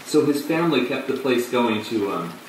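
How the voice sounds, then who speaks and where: An actor playing a flamboyant man who tells his story in a halting, breathless theatrical monologue. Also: mid-range voice, lively intonation, lightly acted. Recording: echoey room, distant mic, faint hum.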